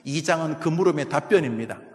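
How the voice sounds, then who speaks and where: A man's voice: on the high side, animated, fast, a little mellow. A male pastor preaching a sermon, passionately acting out the prophet's cries of lament. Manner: impassioned, acts out cries of lament. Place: church sanctuary. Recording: echoey church hall.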